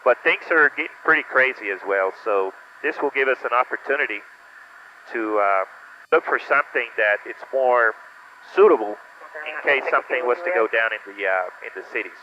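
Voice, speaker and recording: A man talks casually through a pilot cockpit headset, the audio dull and muffled. Faint engine hum sits under his voice. He rambles, with many "uh" fillers, at a middling pitch. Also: animated, normal speed. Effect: pilot cockpit headset intercom. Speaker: pilot and vlog host. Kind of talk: casual vlog talk while flying. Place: small plane cockpit in flight. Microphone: aviation headset boom mic.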